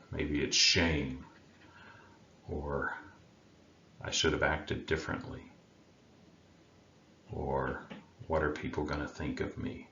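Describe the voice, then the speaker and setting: Leading a guided meditation, a man with an exceptionally deep voice talks slowly and calmly, letting long silences sit between soft phrases. The audio is roomy and a bit muffled, dull in tone, with faint noise behind it.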